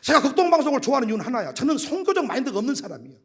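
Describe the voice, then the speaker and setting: A man preaching at a revival rally, joking and shouting his points, sometimes breaking into a half-sung line. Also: very high-pitched, very fast. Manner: animated and joking, shouts and half-sings for emphasis. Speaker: pastor.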